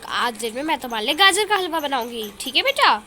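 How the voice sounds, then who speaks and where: A woman voicing a gentle young aunt who pleads softly and tearfully. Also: high voice, big pitch swings, fast talker, slight background noise, full character voice. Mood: kind. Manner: soft, pleading.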